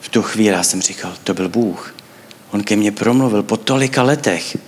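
A man's voice: on the low side, husky. A man preaching in a church, telling his own story earnestly and acting out his prayers. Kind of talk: personal testimony sermon. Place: church hall. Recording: echoey church hall.

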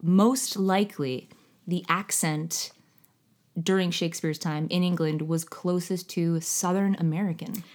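A woman's voice: fairly low pitch, fairly even intonation, unhurried, a little mellow. A woman co-hosting a casual podcast chat, telling horror film scenes with gleeful relish. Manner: enthusiastic about gore, playful. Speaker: podcast co-host.

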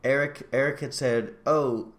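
A man's voice: medium pitch, a little slow. Guy on a chill podcast recapping a show, acting out what everyone said. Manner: animated retelling, acting out both sides of a conversation. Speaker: podcast co-host. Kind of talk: casual chat recapping a reality show.

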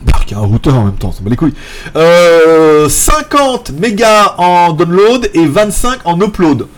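A man hosting a casual tech live stream, rambling and joking, laughing often and mimicking other people in a high voice. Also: big pitch swings, measured pace, a little hiss or hum. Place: apartment in Thailand.

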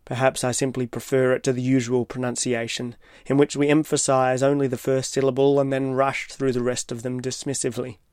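A man reading his own reflective, literary personal essay as scripted narration, in a measured way. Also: mid-range voice, flat delivery, smooth, no echo, clean studio sound. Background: soft guitar music.

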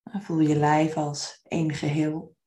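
A woman leading a guided meditation in a soft, soothing manner, with gentle, unhurried phrasing. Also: low-pitched, little pitch movement.

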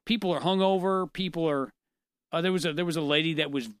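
A man co-hosting a casual chat, telling stories in an animated, self-deprecating way with frequent laughter. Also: on the high side, quick pace, clear, resonant tone, no room sound. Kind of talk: casual conversational storytelling.

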